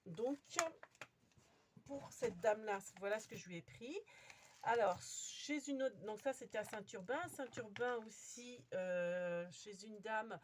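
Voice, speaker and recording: A woman's voice: medium pitch, a little slow, slight background noise. Chatty woman showing a craft haul. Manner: chatty, many fillers and restarts. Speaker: crafting vlogger. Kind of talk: casual show-and-tell haul.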